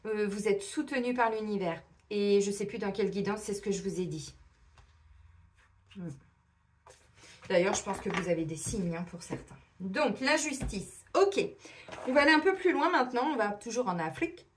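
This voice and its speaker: A middle-aged woman doing a casual oracle card reading, chatty and animated, acting out little imagined dialogues. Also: mid-range voice, moderate pace, slight background noise. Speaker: tarot and oracle card reader.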